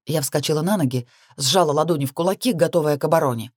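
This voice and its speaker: A woman reads a first-person novel aloud, keeping a steady pace that lifts sharply on tense phrases. Her voice is low and dark. The recording is dry and close. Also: fast, dry recording. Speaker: audiobook narrator. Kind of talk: first-person audiobook narration.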